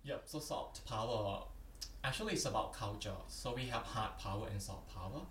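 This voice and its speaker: Fairly low in pitch yet somewhat bright in tone, a young Thai man talks at a normal speed with a Thai accent. He's a PhD candidate being interviewed on a podcast, replying sincerely and simply and often saying "yeah" or "yep." Faint background noise accompanies a distant, roomy recording.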